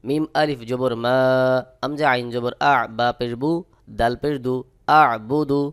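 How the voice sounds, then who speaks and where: Smooth-voiced man teaching Quran recitation. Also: mid-range voice, fairly even intonation. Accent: Bangladeshi Bengali. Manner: slow, drawn-out chanted recitation between plain explanations. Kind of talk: spelling-out Quran recitation lesson.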